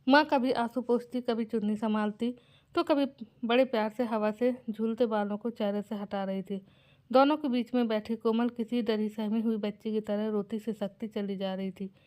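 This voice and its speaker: A woman narrating an emotional family moral story in a gentle, scripted way. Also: a little high, fairly even intonation, moderate pace.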